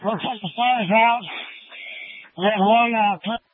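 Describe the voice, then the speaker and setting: Firefighter, man, high-pitched short reports through a tinny radio with static bursts and hiss. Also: steady tone, a little slow. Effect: two-way radio transmission with static hiss. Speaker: firefighter on scene.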